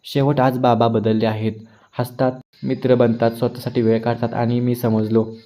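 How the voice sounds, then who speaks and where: A man narrating an emotional first-person story in an earnest, measured way, speaking to his listeners as friends. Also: mid-range voice, level tone, warm tone.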